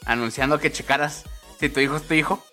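A man's voice: on the high side, steady tone, bright, forceful tone. A Mexican man co-hosting a podcast, cracking crude jokes in casual banter, with faint music underneath. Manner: joking, crude, quick reactions. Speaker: podcast co-host.

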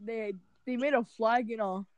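A woman's voice: a little high, steady tone, normal speed, lo-fi sound. A woman chatting casually over an online voice call, giggly and full of fillers like "like". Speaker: friend in group call. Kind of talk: casual chat.

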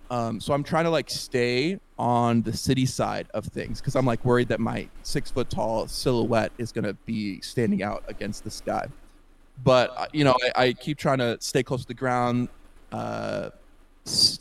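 A man's voice: medium pitch, gravelly. A young man, a podcast guest, telling a long story in a casual, rambling way, with lots of fillers and laughs, over a voice call.

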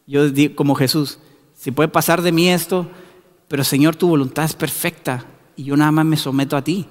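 A man delivers a sermon in a church, his fairly high voice climbing into forceful, repeated exhortations. The room around him rings with a long hall reverb. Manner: rising to emphatic shouted repetitions. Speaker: preacher.

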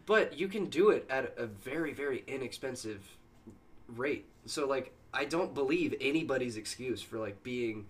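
A man's voice: medium pitch, animated, normal speed. A man co-hosting a podcast, chatting casually with loose, crude, joking banter. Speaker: podcast co-host. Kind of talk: casual chat.

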